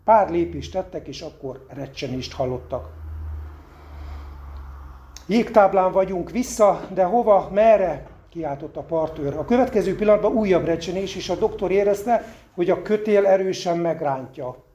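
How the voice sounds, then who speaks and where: A man reads a story aloud in a fairly high, mellow voice. His delivery is plain and unpolished, with a few self-deprecating asides. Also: muffled recording. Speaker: reader.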